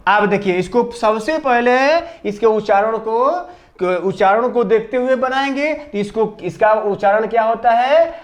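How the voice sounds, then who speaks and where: A man with a Hindi accent teaches a classroom lesson and keeps asking his pupils the same questions over and over. His voice sits high and he talks in an unhurried, measured way. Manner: call-and-response drilling, repeats questions to pupils. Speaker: English grammar teacher.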